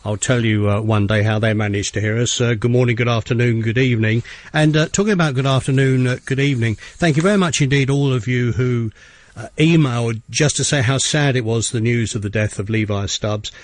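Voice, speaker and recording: A middle-aged man presenting a radio show in a chatty, enthusiastic way, pausing on many "uh"s. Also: medium pitch, no room sound.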